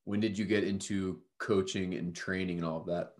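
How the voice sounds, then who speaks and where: Male podcast host, lowish voice, upbeat friendly interviewer. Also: steady tone, moderate pace. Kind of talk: casual interview hosting.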